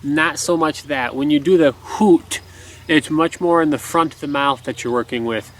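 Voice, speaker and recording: Speaking at normal speed in a voice on the high side and a bit bright, a man in his thirties explains duck calling in a relaxed, casual way. He's outside in a garden next to woods. The audio comes from a camera a few feet off and carries background noise.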